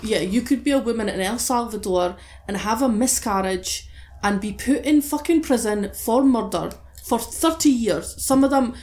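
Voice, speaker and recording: A woman's voice: fairly high pitch, darkish tone. Emphatic, sweary woman podcaster. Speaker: podcast host. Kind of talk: impassioned opinionated podcast discussion.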